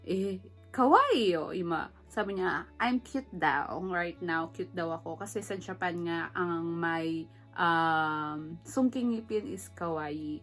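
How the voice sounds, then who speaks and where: A woman's voice: on the low side, takes it slowly, a bit bright, faint music behind. Chatty middle-aged woman vlogger. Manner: chatty and emotional, mixing English into Tagalog, laughing often. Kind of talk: casual personal vlog.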